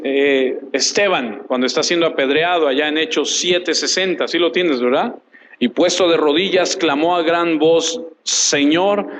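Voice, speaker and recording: Recorded roughly in a church, this pastor's voice is a little high with a fairly bright tone. His sermon features questions he answers himself, short phrases repeated for emphasis, and scripture read aloud at a measured pace.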